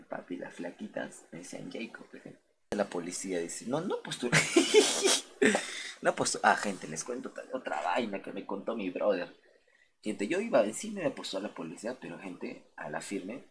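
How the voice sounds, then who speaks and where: A young man with a very deep, low voice, spinning loose, profane stories for his viewers in the middle of a late-night game stream. He rambles from one tangent to the next in heavy street slang, speaking straight to his chat. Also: slight background noise.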